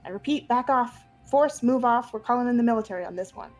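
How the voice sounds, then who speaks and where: A woman's voice: on the high side, quick pace, soft background music, lightly acted. A woman game master voicing an urgent police officer on a radio in a tabletop roleplaying game. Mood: urgent warning. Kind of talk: tabletop game role-play.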